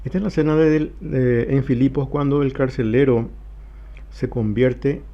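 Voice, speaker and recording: Male pastor, Bible study teacher, measured scripture reading, middle pitch, dull lo-fi recording. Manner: reads scripture aloud slowly, then explains.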